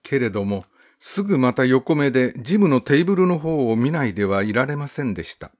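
A man reading a first-person literary story aloud in a measured, gently expressive storybook narration. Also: mid-range voice. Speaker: audiobook narrator.

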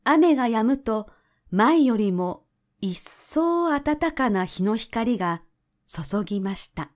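A woman narrating a children's story in a gentle, measured way. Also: on the high side, sing-song.

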